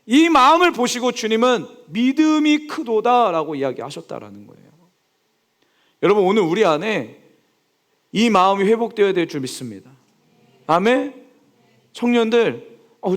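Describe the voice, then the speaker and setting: Young male pastor giving a sermon, high voice with big lively swings, keeps asking the crowd questions. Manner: lively preaching, asks the congregation questions; acts out quoted speech with big swings in pitch.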